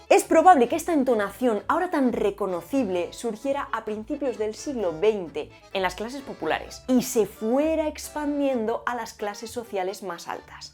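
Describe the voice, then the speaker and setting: A woman's voice: mid-range voice, a little mellow. A young adult woman hosts a scripted linguistics explainer. She plays with the material by asking questions and then answering them herself. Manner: playful, asks and answers her own questions. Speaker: linguistics video host.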